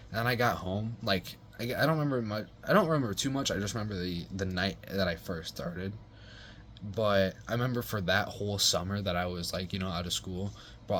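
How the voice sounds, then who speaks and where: A young man with a lowish voice tells a story in a loose, rambling way, packed with curses, slang and "like"s. Faint noise sits behind him. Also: fairly bright tone. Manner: rambling and profane, heavy slang and fillers. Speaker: vlogger telling a personal story. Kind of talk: casual storytelling.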